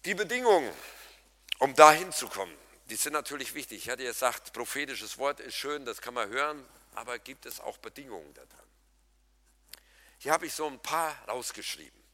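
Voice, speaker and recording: A man preaching a lively, humorous sermon, speaking directly to his congregation and swinging between loud emphatic lines and soft quiet ones. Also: medium pitch, moderate pace, big-room sound.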